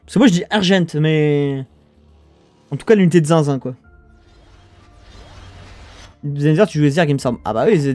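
A young French-accented man with a slightly high, darkish voice casts a strategy game live, with faint music behind him. As an esports caster giving casual commentary, he rambles and banters with chat, trailing off and stumbling through restarts.

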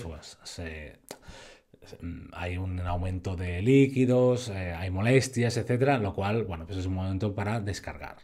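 A man giving a live-streamed training lecture, lively and full of fillers, often checking in with his listeners. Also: lowish voice. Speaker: fitness trainer and educator.

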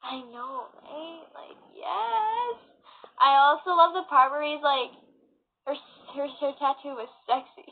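A young woman in her late teens gushing excitedly as a cosplayer in casual fan chat. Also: high voice, moderate pace. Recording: tinny phone-like audio, faint hiss.

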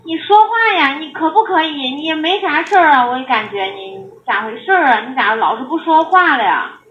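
A woman's voice: high-pitched, expressive, brisk. A woman working as an emergency dispatcher over a landline phone, repeating questions and instructions insistently and impatiently. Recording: roomy phone call recording, faint noise.

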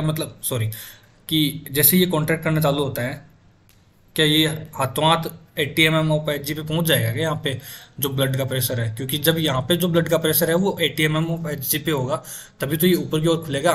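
Higher-voiced man teaching a lecture. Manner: explains step by step, asking the class rhetorical questions. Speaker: medical lecturer. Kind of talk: classroom lecture.

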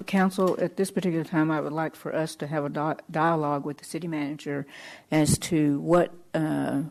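Woman chairing a council discussion. Flat intonation, vocal fry, formal, hesitant questioning. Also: sits low. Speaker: council member leading the meeting.

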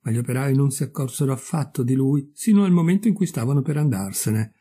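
A man reading a fairy tale aloud in calm, measured, expressive storybook narration. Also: medium pitch, husky. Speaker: audiobook reader.

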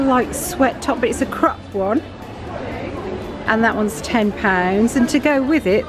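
A middle-aged British woman vlogging from a big store, chatting excitedly about items and their prices. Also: on the high side. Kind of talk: shopping vlog walkthrough. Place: large busy store indoors. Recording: store music and crowd noise behind.

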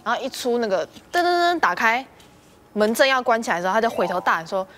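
A woman's voice: a little high, expressive, fast, fairly bright tone. A woman guest on a talk show, telling a story expressively.

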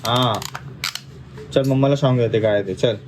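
A man's voice: medium pitch, steady tone, moderate pace, heavy background noise. A man vlogging at home, playfully coaxing his small daughter to say words and cheering her on. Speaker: vlogger and father. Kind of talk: casual family chat.

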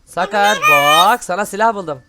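A man hosting excited gameplay commentary, full of loud exclamations. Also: high-pitched, normal speed, loud music behind the voice. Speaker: gaming host.

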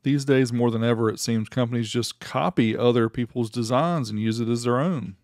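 With playful, showy emphasis, a middle-aged American man voices a casual review for his car audio amplifier channel. His mid-range voice is darkish and moderately paced, captured in studio quality with no echo and faint background music.

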